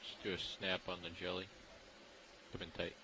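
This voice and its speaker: A man's voice: low voice, monotone, normal speed, background noise. A man giving terse operational chatter as an ROV crew member.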